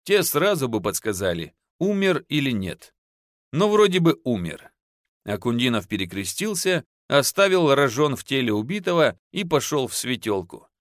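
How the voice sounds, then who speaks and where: A man giving dramatic, expressive scripted narration of a story on a close mic. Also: medium pitch, normal speed, dry recording. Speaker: audiobook narrator.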